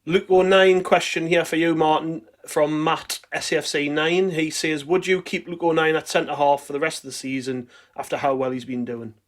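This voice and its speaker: A man's voice: on the high side, level tone, moderate pace, few pauses. A man hosting a football fan podcast in a casual, conversational way. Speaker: podcast host.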